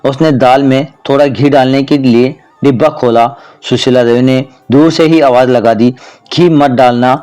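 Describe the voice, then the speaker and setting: A man's voice: mid-range voice, steady tone, moderate pace, warm tone. Man narrating a family story.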